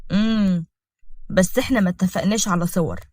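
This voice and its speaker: A woman's voice: medium pitch, brisk, darkish tone, no echo, close to an everyday voice. Woman voicing a wary hesitant Egyptian man. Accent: Egyptian Arabic. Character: hesitant married man tempted by a scheme.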